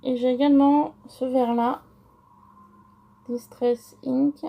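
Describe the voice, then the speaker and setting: A woman's voice: sits high, little pitch movement, takes it slowly, gravelly, dull audio. A woman with a French accent explaining a paper-crafting project step by step, hesitant with many fillers. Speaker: crafting tutorial host. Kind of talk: casual craft tutorial.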